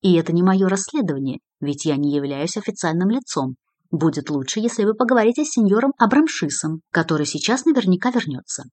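A woman's voice: on the low side, lively intonation, quick pace, a little mellow, no echo. A woman reading the lines of a composed male private investigator with a dry, ironic manner. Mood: calm.

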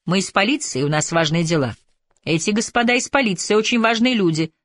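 Young cop interpreter guy read by a woman, firm and brisk, dry close sound. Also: medium pitch, animated, dry recording, natural voice. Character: young male constable acting as interpreter.

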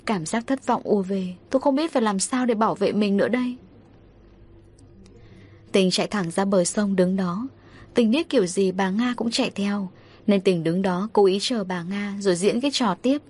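A woman narrating a first-person drama story in a steady, dramatic way. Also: mid-range voice, normal speed, slightly rough.

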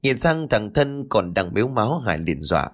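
A man's voice: lowish voice, very animated, moderate pace. A man narrating a horror story in a dramatic, tense read. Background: faint music.

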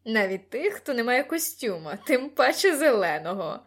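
A woman reading an audiobook, voicing a loud, boisterous teenage boy at a party who tells crude jokes and shouts over the noise. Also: on the high side, sing-song, moderate pace.

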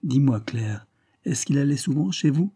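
A man's voice: mid-range voice, animated, normal speed, warm tone, breathy edge, no room sound, clean studio sound, pitched above the performer's own voice. A man reading a short story, voicing an anxious, jealous wife who questions a child in a trembling voice. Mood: anxious probing. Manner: hesitant, probing questions in a trembling voice. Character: anxious jealous woman, middle-aged wife.

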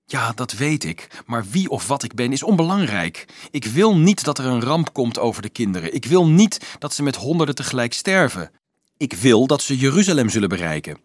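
A man's voice: mid-range voice, big pitch swings, moderate pace, no room sound, clean studio sound. A man voicing an earnest, stubborn young boy in an audiobook, speaking urgently. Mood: insistent.

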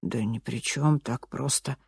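Reader doing a hushed unsure woman, gravelly edge, dry close sound. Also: unhurried, no room sound, full character voice. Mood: timid, hushed. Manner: quiet and unsure, then shrill shouting. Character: timid young woman drug user, quiet then furious. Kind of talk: audiobook character voice.

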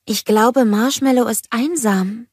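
A woman's voice: on the high side, unhurried, a little mellow, husky, no room sound, studio quality, pitched above the performer's own voice. A woman voicing an eager, upbeat young princess in a storybook reading. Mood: friendly.

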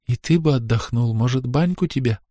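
A man's voice: medium pitch, a little fast, warm tone, no echo, studio quality, pitched above the performer's own voice, natural voice. A man reading an audiobook, voicing a frightened wife who speaks in a timid, placating way.

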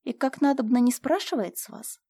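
Brief: woman playing a composed young lady of the manor, cool and firm, slightly high voice, storybook reading. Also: lively intonation, a little fast, dark tone, slightly rough, dry recording, studio quality, heavily acted. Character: calm, firm young noblewoman managing an estate.

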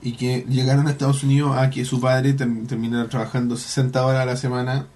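A man's voice: medium pitch, flat delivery, fast talker, a little mellow. Slangy Chilean man recapping casually. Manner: slangy, rambling, full of colloquial swearing. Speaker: podcast host. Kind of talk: casual chat recapping a TV episode.

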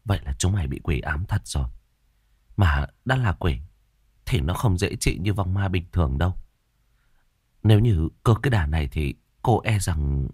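A man voicing a frantic middle-aged mother who scolds in a shrill voice and then turns grave, in a told ghost story. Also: animated, normal speed, darkish tone, husky, no echo, clean studio sound.

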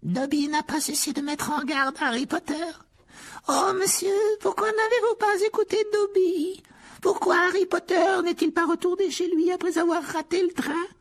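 A woman voicing a high, fretful male house-elf. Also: fairly even intonation, normal speed. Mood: pleading. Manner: pleading, fretful and self-punishing. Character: timid pleading male house-elf servant. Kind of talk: dramatized audiobook reading.

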